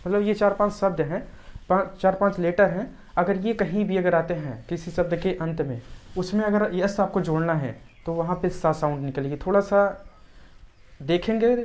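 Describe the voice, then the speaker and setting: Low-voiced female teacher who explains patiently and drills example words by repeating them. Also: a little mellow. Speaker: English pronunciation teacher. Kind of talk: explanatory lesson.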